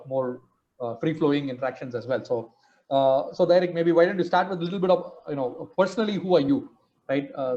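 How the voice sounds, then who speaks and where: A man's voice: mid-range voice, dark tone. A man with an Indian English accent informally hosting an online interview, in loose, rambling phrases padded with "sort of" and "you know". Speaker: host, moderator. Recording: slightly dull online call audio.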